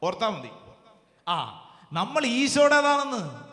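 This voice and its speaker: Male priest, high register, fervent call-and-response sermon, roomy hall reverb. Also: huge pitch swings, bright, forceful tone. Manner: fervent, quizzes the congregation with rapid questions. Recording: echoey church hall with long reverb.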